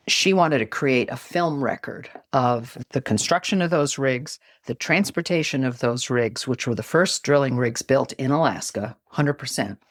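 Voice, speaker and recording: An older woman from New York, Greek as her first language, talks in a relaxed, storytelling way with plenty of filler words. Her voice sits fairly low and is recorded dry and close, with no room sound. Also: dry recording. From New York, USA. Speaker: guest. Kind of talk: conversational interview.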